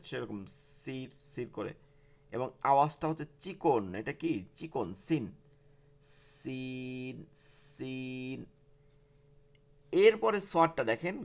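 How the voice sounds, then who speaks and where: A man teaching an online class on pronouncing the letters for Quran reading. He repeats each sound slowly and asks and answers his own questions. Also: mid-range voice.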